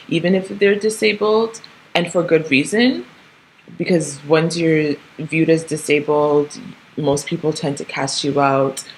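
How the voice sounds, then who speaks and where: There's a little hiss or hum on this low-quality recording of a deep-voiced woman in her thirties. Raised in Canada, she hosts a relaxed solo podcast, rambling along with frequent ums, restarts and tag questions.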